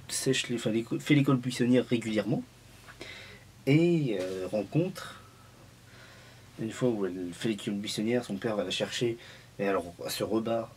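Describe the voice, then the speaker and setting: A man's voice: fairly low pitch, a little mellow, a little hiss or hum. A man vlogging at home in a casual, joking film review, rambling and restarting his sentences often.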